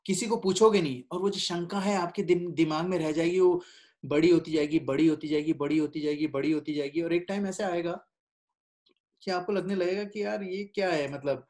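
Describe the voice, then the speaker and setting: A man with a somewhat high-pitched voice leads an informal spiritual class. He talks conversationally and often pauses to check in with his listeners. He mixes English phrases into his speech. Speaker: devotional speaker.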